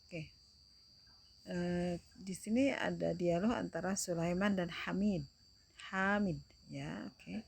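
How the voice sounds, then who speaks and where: A young adult woman teacher giving a recorded lesson, explaining slowly and deliberately and checking in with her students. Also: fairly low pitch, vocal fry.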